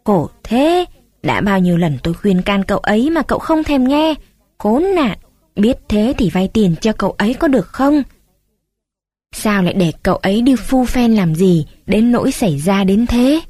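A woman's voice: mid-range voice, expressive, moderate pace, darkish tone, no room sound, close to an everyday voice. A woman voicing a tearful, anxious young village mother who asks fretful, pleading questions.

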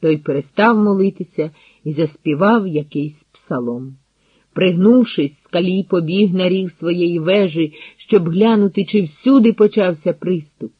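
A man narrating an audiobook in a measured, dramatic storytelling manner, recorded dry and tinny like over a phone line. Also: high voice, husky, no echo. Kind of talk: dramatic literary reading.

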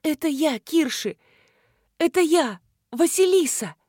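A woman's voice: normal speed, darkish tone, dry recording, studio quality, lightly acted. A woman doing a desperate tearful young woman. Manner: pleading, high and urgent.

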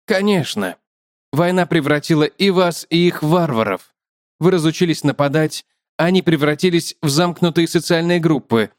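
A man voicing a polite, chatty male spider who calmly lectures a human in a raised voice. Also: a little high, moderate pace, no room sound, clean studio sound, pitched above the performer's own voice, natural voice. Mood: courteous. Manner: courteous, matter-of-fact, lecturing.

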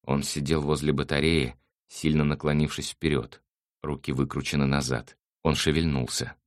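A man narrating an audiobook in a steady, even reading voice. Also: extremely low pitch, moderate pace, no echo, studio quality.

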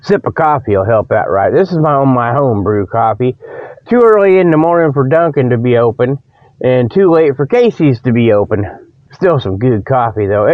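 A man with a mid-range voice hosts a humorous report show on the radio, delivering a rambling comic monologue full of mock sponsor pitches. He speaks in a folksy, colloquial, meandering way, often losing the thread, with a slight frog in his throat from a lingering cold. The audio is narrow and tinny, with no room sound.

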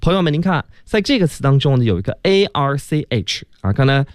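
A man's voice: mid-range voice, a little fast, clean tone, no echo, clean studio sound. A man co-hosting a radio English lesson, explaining words to listeners. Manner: lively, explains to listeners, addresses "friends". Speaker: radio English teacher, co-host.

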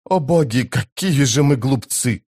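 A man's voice: mid-range voice, expressive, darkish tone, husky. A man doing a scheming, hissing priest. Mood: accusing. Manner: hissing, drawn-out accusations. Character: scheming sly male priest.

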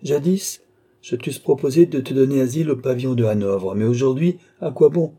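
A man reading aloud plays a worldly old duke who teases and quietly threatens. The voice is very dark and mellow with a husky grain, in an audiobook telling. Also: mid-range voice, fairly quick, voice pushed up, close to an everyday voice. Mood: sly, teasing. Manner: mocking, knowing, lightly threatening. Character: old duke and marshal, sly, teasing, worldly.

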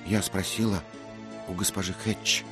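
A man's voice: deep voice, flat delivery, measured pace, over music, pitched above the performer's own voice. A man voicing a frightened young woman disguised as a boy, pleading in a breathless rush, in a read-aloud story.

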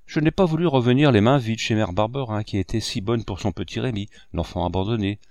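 A man reading a classic novel aloud with animated storytelling. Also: on the low side, fairly quick, no room sound, clean studio sound. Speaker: audiobook reader.

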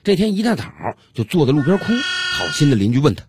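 A man's voice: a little high, big pitch swings, fast, noisy background. Chatty man telling radio jokes. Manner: chatty, colloquial. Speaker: radio comedy host. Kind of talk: storytelling jokes.

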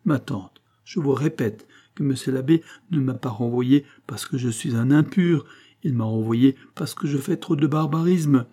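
A man's voice: medium pitch, moderate pace, warm tone, voice pushed up, lightly acted. A man voicing a clumsy sixteen-year-old boy who pleads tearfully with his aunt in a storybook reading. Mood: pleading.

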